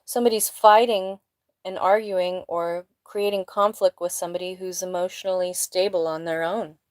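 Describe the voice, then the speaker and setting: Tarot reader: a woman with a lowish voice, blunt and emphatic, a bit sniffly, dry close sound. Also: steady tone, moderate pace, a little mellow, no echo. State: sniffly nose. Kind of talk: casual live tarot reading. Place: indoors at home.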